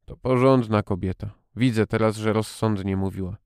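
A man voicing a weary, sickly middle-aged guardian who talks slowly and absently, read as an audiobook character. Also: fairly low pitch, fairly even intonation, darkish tone, clean tone, dry recording, studio quality, lightly acted. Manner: tired, slow, absent-minded.

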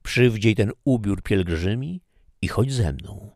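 A man voicing a solemn male cherub in a storybook reading, pronouncing slowly. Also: lowish voice, lively intonation, a little mellow, no echo, clean studio sound, pitched above the performer's own voice. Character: golden-winged male cherub, solemn and stern.

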